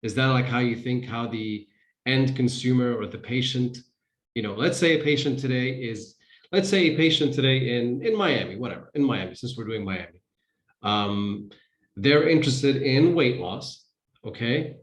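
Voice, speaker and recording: A man's voice: mid-range voice, animated, normal speed, roomy sound, rough recording. A man hosting a casual business interview over a video call, thinking aloud with restarts. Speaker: host.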